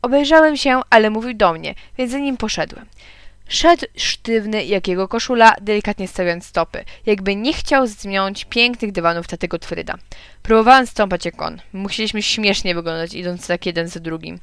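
Kobieta czytająca bajkę dla dzieci. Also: female voice, mid-range voice, a bit bright, clear, resonant tone, dry recording. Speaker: audiobook reader. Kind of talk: children's audiobook narration, told as a young boy.

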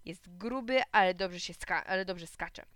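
A woman's voice: lowish voice, unhurried, fairly bright tone, no room sound. A woman voicing a jovial male neighbor who teases the father. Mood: indignant. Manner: teasing, then indignant.

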